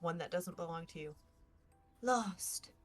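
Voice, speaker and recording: Lady doing a creepy talking tree for a tabletop game, drags out every word, taunting riddles, music behind. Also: on the low side. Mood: eerie. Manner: slow, drawn-out, halting words. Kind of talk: tabletop role-play.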